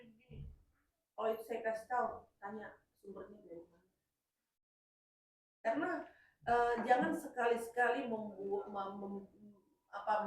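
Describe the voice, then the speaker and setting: A middle-aged woman sharing stories at a group training session, telling them in an animated way, with sudden jumps in pitch and loudness. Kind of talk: casual speech at a group session. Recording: echoey room from far off.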